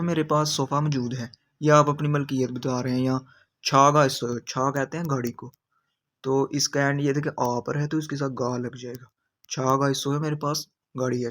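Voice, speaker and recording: A man's voice: medium pitch, fairly bright tone. A man teaching grammar in a video lesson, patiently repeating each example sentence. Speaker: language teacher.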